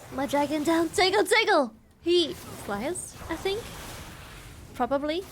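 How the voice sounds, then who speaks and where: A woman's voice: very high voice, animated, takes it slowly, a little hiss or hum. A woman streaming a video game with casual, playful, slangy commentary, thinking aloud. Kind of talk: casual live gaming commentary.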